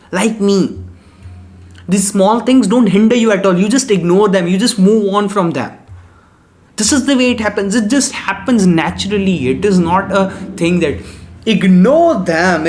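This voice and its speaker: An earnest young man whose first language is Gujarati gives life advice in a motivational monologue to camera as a self-help vlogger. His voice sits high with a darkish tone, and he is preachy, repeating short punchy words.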